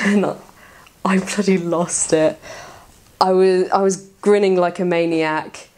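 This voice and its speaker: A woman vlogging in casual chat, tired and hoarse, rambling excitedly, swearing freely and laughing often. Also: fairly low pitch, slow.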